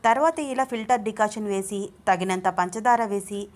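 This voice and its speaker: A woman's voice: medium pitch, moderate pace, natural voice. A woman voicing a teasing, playful young husband in a storybook reading, coaxing and calling his wife babe.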